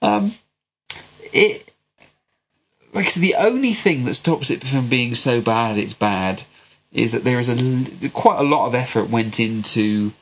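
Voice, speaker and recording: A man's voice: mid-range voice, animated, moderate pace. A man with a West Country English accent, congested with a cold, chatting casually and rambling about films as a podcast host. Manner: sweary, rambling. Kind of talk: casual film review chat. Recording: dull lo-fi sound with clear hiss.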